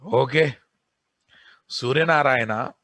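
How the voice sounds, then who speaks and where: A man's voice: mid-range voice, slow, a bit bright, no echo, clean studio sound. A man with a Telugu Indian accent giving an informal technical lesson as a programming lecturer, insistent and often putting questions to his students.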